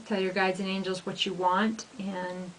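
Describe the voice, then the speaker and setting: Folksy woman with an even, narrow pitch. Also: moderate pace, slight background noise. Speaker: spiritual minister and vlogger. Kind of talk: casual unscripted spiritual talk to viewers.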